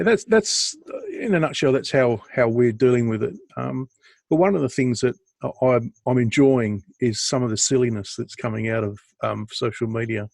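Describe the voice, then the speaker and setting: A man's voice: mid-range voice, creaky, a little mellow, no echo. A chatty man with a middle-range voice, telling stories on a podcast with a self-deprecating humor. The sound is dry and close, with no room around it. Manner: chatty storyteller, self-deprecating, laughs a lot. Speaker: podcast co-host. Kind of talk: casual chat on a video call.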